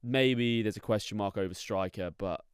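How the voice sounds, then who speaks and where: A man co-hosts a football podcast in a relaxed, opinionated way. His voice sits a little low and comes across smooth and clear. The studio sound is dry and close. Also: no room sound. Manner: relaxed, opinionated, quick agreeing fillers. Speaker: podcast co-host. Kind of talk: casual football chat.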